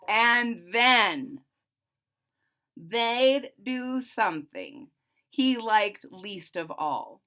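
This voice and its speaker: A woman reading a children's storybook aloud in an expressive, emphatic way, with simple explanatory asides for young listeners. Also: a little high, very slow.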